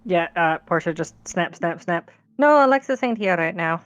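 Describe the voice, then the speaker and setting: A woman's voice: lowish voice, lively intonation, normal speed, no echo, highs cut off. A woman bantering casually as a player in a tabletop game, with a dry, teasing manner.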